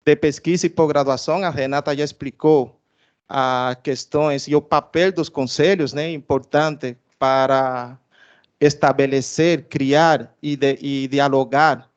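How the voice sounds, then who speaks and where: A man's voice: medium pitch, fairly even intonation, unhurried, clear, resonant tone, lo-fi sound. A man from Cuba with a Cuban Spanish accent, a research director giving a formal institutional presentation, hesitating often with filler sounds and restarts.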